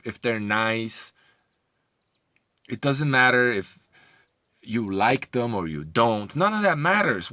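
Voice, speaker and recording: A man delivering a heated, profane commentary rant, his voice bright and forceful. He trips over repeated words as he pushes his points. The sound is dry and close, with no room around it. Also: medium pitch, no echo. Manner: heated, profane, repetitive ranting with stammered restarts. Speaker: commentary vlogger. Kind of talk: ranting video commentary.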